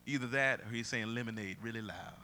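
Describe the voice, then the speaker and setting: A male pastor preaching a sermon, booming and drawn out when he reads scripture and dropping low for his asides. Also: bright, forceful tone, slight background noise.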